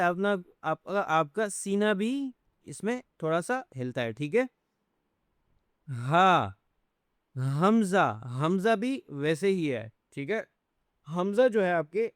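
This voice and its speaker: A man with a high, smooth, resonant voice teaches pronunciation in a patient step-by-step lesson. He repeats each letter several times and keeps checking in with the listener. The sound is dry and close, with no room echo. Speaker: Quran teacher.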